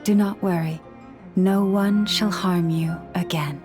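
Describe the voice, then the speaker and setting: Over music, a woman with a lowish voice plays a gentle, wise video game character who speaks with animals. She talks calmly and measuredly, in a softly reflective tone.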